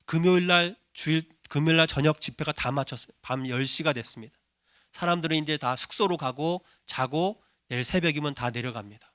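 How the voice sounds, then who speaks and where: Man, pastor, sermon storytelling, high voice, dry close sound, acted-out pleading prayers. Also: fairly quick, smooth, no echo. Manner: acts out quoted prayers, rising to loud pleading.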